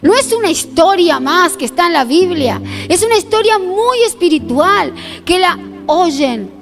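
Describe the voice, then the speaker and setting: Woman pastor, unhurried emphatic sermon, live church service, faint music behind. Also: sits high. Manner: emphatic preaching, acts out quotes, voice breaking with emotion. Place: church sanctuary.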